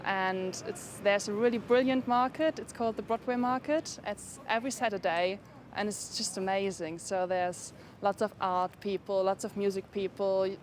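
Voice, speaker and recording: A woman's voice: mid-range voice, fairly even intonation, moderate pace, few pauses, a little hiss or hum. A woman from Germany talking enthusiastically about her travels in a street interview. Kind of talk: casual chat.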